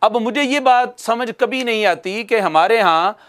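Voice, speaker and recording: A man with a notably high voice teaches Quran recitation in a video lesson. He speaks patiently to his viewers and repeats key phrases for emphasis. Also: measured pace, fairly bright tone. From Pakistan.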